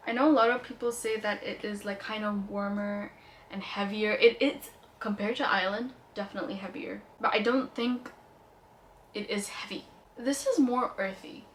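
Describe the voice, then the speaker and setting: In a casual perfume review vlog, a young woman with a light Indian accent chats playfully and enthusiastically. Her mid-range voice holds a fairly even intonation at a normal speed, with a little hiss or hum in the audio.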